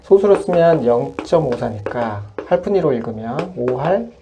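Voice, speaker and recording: A woman's voice: a bass voice, expressive, moderate pace, background noise. A woman math tutor patiently walking through worked exercises step by step. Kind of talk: worked-example lesson.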